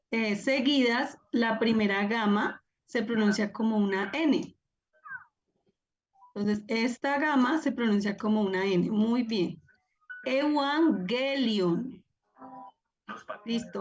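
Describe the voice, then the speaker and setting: Cheerful lady teacher on a video call, kinda high voice, dull lo-fi sound, calling on students one by one. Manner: upbeat, encouraging, calls on students by name. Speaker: Biblical Greek teacher. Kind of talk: live online class, quizzing students.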